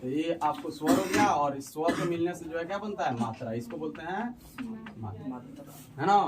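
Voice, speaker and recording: Man teaching a noisy class from afar. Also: a little high. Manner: asks questions and repeats answers, drawn-out syllables. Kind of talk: classroom Hindi grammar lesson. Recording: distant mic, noisy class around.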